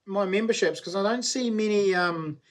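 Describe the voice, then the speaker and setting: A man in his late forties speaks in a fairly high-set voice with a broad Kiwi accent. He hosts a casual livestream, talking to viewers in a relaxed, slangy, blokey manner. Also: moderate pace. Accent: broad New Zealand. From New Zealand. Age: late 40s. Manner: laid-back, blokey, slangy. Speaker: live stream host. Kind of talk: casual livestream chat, reading and answering comments.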